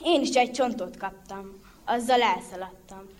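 A woman narrating a Hungarian-style folk tale in a lively, rhythmic storytelling manner. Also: medium pitch.

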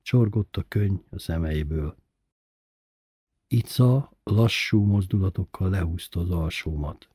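A man reading a first-person story aloud in a plain, even storytelling manner. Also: sits low, husky, no echo, clean studio sound. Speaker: narrator.

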